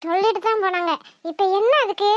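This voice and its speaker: A woman's voice: extremely high pitch, steady tone, fast, no echo. A woman voicing a young woman in a cartoon who is ill with a stomach ache, curt and subdued. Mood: defiant. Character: young woman, sick and hurt, quietly defiant. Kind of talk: cartoon voice acting. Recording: dull dry studio recording.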